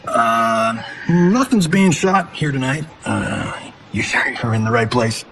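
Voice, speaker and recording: An actor playing a cocky, flippant Hollywood action star in a video game, with a sarcastic, theatrical delivery. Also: male voice, mid-range voice, expressive, slow pace, a bit bright, a little hiss or hum, low-quality recording. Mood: bemused. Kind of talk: cinematic video game acting.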